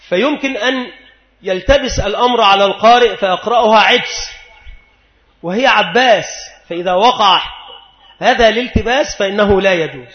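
High-voiced man lecturing in an echoey hall. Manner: slow, deliberate, repeats example words. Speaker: teacher. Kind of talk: grammar lecture. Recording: echoey hall, dull lo-fi sound.

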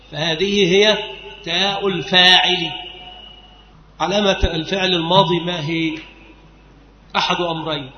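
A man teaching a classical grammar lesson, patiently repeating and drilling example words. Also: slight background noise. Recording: echoey hall, dull low-fi sound.

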